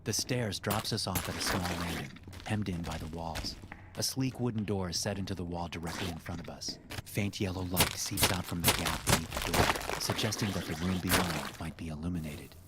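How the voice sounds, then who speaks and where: A man reading a first-person horror story as narrator, in a dramatic, deliberate way. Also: low-pitched, heavy background noise. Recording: loud music over the narration. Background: loud music.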